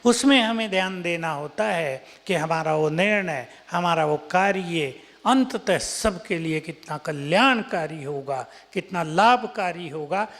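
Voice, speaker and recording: Slow, gravelly-voiced man giving spiritual advice. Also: on the high side, animated, fairly bright tone. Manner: measured, advising. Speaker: spiritual speaker. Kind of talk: spiritual talk. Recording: long hall reverb.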